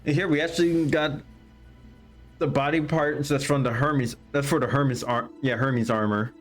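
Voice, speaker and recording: A man's voice: mid-range voice, steady tone, normal speed. A man giving casual live gameplay commentary as a streamer, explaining as he plays. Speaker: game streamer. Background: game music.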